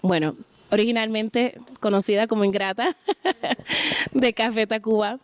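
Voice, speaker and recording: Woman musician with a smooth voice. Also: fairly high pitch, dry recording. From Puerto Rico. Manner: relaxed, speaks in halting phrases with fillers. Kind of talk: casual interview about the songs.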